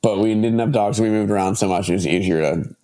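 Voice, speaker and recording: A man's voice: fairly low pitch, fast talker, warm tone. Stuffed-up man rambling cheerfully. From United States. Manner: rambling, self-correcting, laughs easily. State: stuffed up from allergies. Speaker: podcast guest, portrait photographer. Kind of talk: casual interview chat.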